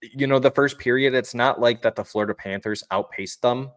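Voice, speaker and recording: A man hosting a casual sports podcast from home, easygoing and steady, putting questions to his co-host. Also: mid-range voice, a little fast, dry recording. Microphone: home desk microphone.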